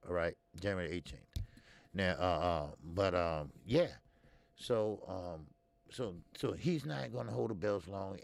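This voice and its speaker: A man's voice: low-pitched, vocal fry, no echo. A man in his fifties hosting a casual boxing talk stream, blunt and talkative, answering viewers' comments as he goes. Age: 50s. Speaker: boxing show host.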